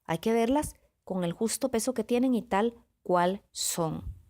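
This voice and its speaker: A woman motivational speaker giving a calm, reflective podcast talk, listing words one by one with pauses and often checking in with her listeners. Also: a little high. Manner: often checks in with the listener with a soft question tag. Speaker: motivational speaker on self-awareness.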